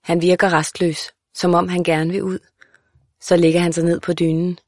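A woman narrating a literary audiobook in a calm, measured, even way. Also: on the low side, no room sound, clean studio sound.

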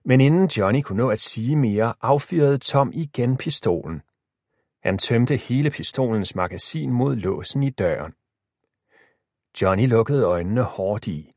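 A male audiobook narrator with a middle pitch and a lively, animated delivery. His storytelling is expressive, recorded dry and close. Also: no echo.

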